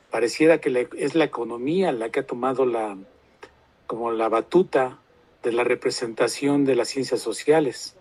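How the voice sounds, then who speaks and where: A man's voice: mid-range voice, mellow, poor audio. A man asking questions in an academic discussion, hesitant and full of fillers. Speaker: audience member asking questions.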